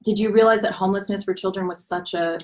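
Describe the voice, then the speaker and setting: This young interviewer's voice is mid-range, steady, and a little mellow, moving quickly. On her casual live stream she warmly affirms her guest and asks sprawling, multi-part questions.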